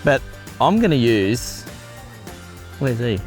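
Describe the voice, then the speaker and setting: Cocky bloke with a broad Australian accent. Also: male voice, mid-range voice, sing-song, slow, a little mellow, soft background music. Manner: cocky, matey, slangy. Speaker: off-road vlog presenter. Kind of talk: unscripted casual banter and driving commentary.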